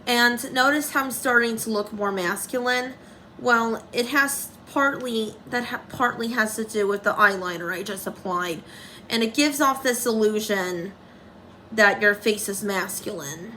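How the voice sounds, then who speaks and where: A woman's voice: a little high, unhurried, bright, forceful tone, a little hiss or hum, low-quality recording. A young woman talking through a casual makeup tutorial, rambling and commenting on herself, with dry sarcastic asides.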